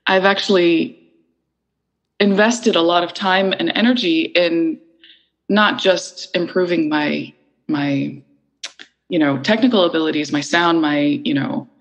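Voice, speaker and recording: A woman's voice: fairly low pitch, unhurried, lo-fi sound. A middle-aged woman from Iceland, an interview guest talking thoughtfully and searching for her words. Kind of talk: reflective conversational interview.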